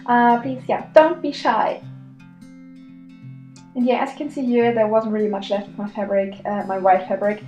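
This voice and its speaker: German-accented woman vlogger, a little high voice, chatty and giggly, echoey room with soft guitar music. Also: steady tone, normal speed, long pauses, dull audio. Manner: chatty and giggly, many ums. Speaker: sewing vlogger. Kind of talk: casual tutorial chat.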